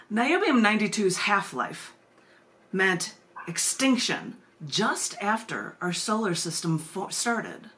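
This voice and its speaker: Speaking in a fairly low, slightly bright voice, a female poet runs a virtual open mic on a live video stream, sharing and reading her poems in a chatty way. She comes across as informal and giggly, with rambling asides in the chat.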